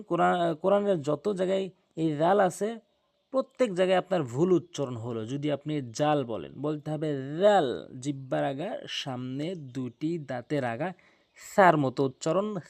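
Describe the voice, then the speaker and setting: A man's voice: on the high side, unhurried, vocal fry, a little mellow. A man teaching Arabic letter pronunciation for Quran recitation, drawing out each letter sound and repeating every step patiently. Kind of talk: slow instructional pronunciation lesson.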